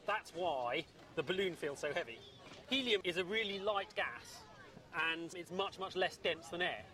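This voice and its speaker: A man presenting a science demonstration, explaining it lively and quizzing his audience. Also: sits high, normal speed, recorded from a distance.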